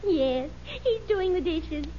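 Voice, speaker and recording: High-voiced, teasing American radio housewife. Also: female voice, slow pace, heavily acted. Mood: mildly patient. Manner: coy, teasing, expressive. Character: Blondie, sweetly teasing housewife and mother. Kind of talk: old-time radio situation comedy acting. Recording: muffled old radio recording, audience noise.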